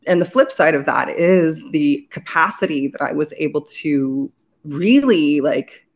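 A Belgian-raised business owner appears as an interview guest, talking earnestly in long, flowing sentences. Her voice is deep, with lively intonation and a measured pace. The exchange is conversational.

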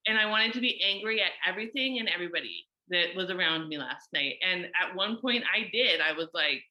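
A woman's voice: fairly low pitch, fairly quick, sharp tone, poor audio. A woman in her thirties, a mother, talking candidly through a personal reflection with many fillers.

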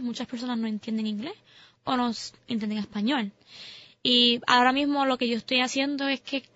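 Young adult woman, Puerto Rican accent, higher voice; casual, code-switching interview guest; dry, muffled recording. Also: a bit bright, no echo. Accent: Puerto Rican Spanish. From Puerto Rico. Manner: mixes English phrases into Spanish, hesitant fillers. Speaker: content creator guest.

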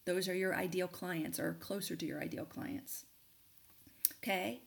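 A woman's voice: fairly low pitch, steady tone, unhurried, vocal fry. A middle-aged woman hosting a podcast, candidly telling a personal story and giving advice in a conversational way with plenty of fillers. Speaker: podcast host and coach.

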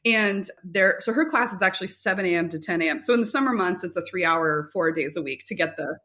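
On behalf of a homeschool curriculum company, a middle-aged woman guest talks casually and chattily in an interview, telling anecdotes and quoting dialogue. Her voice is on the low side, bright and forceful, and she speaks quickly.

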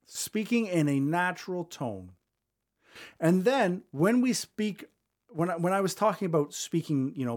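A man hosting a solo podcast from a small studio, talking fast and conversationally into a studio microphone. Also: on the high side. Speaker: podcast host. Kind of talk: solo podcast advice talk.

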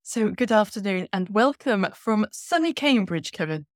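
A woman's voice: medium pitch, lively intonation, normal speed, dry recording, studio quality. A woman hosting an interview in a conversational style, introducing her guest and putting questions. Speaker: interview host, physiotherapist.

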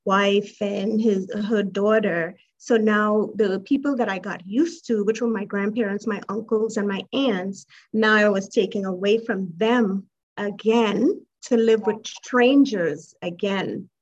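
A woman from Trinidad and Tobago tells her life story as an interview guest, her medium-pitched voice steady in tone. She speaks reflectively and unhurriedly, with soft laughs and hesitations, over muffled call audio.

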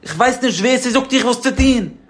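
A man voicing an agitated, insistent man who scolds in a shrill, much higher voice. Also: normal speed, fairly bright tone.

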